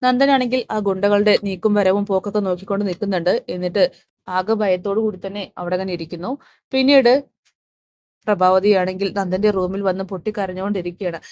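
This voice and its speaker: A woman narrating a recap of a TV serial episode in a brisk storytelling manner. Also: medium pitch, fairly even intonation, a little mellow, no room sound.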